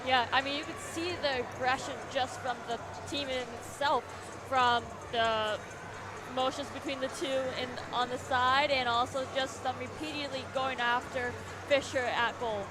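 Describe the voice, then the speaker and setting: A woman's voice: sits high, fairly even intonation, measured pace, background noise. A woman working as color commentator, giving conversational analysis of a hockey game.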